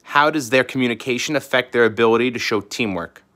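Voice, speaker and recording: An upbeat male teacher talks straight to young pupils in a recorded online lesson. His voice sits at an ordinary middle pitch. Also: quick pace, bright, forceful tone. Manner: upbeat, talks directly to children.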